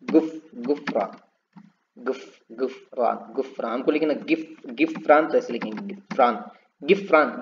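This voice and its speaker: A man teaching a spoken English lesson, repeating each word slowly and drawn out as he explains its spelling. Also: medium pitch, vocal fry, dull audio, a little hiss or hum.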